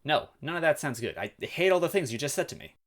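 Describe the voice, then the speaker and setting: A man's voice: fairly high pitch, lively intonation, fast talker, no room sound, clean studio sound, pitched above the performer's own voice, natural voice. A man voicing a bored, sulky young princess who grumbles dismissively.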